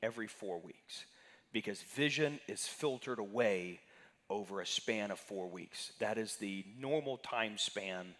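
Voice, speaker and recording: A man's voice: lowish voice, a bit bright. Pastor man teaching in an echoing sanctuary. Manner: conversational, questions the congregation by name. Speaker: pastor teaching a Sunday class. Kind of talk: interactive church teaching. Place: church sanctuary. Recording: reverberant sanctuary hall.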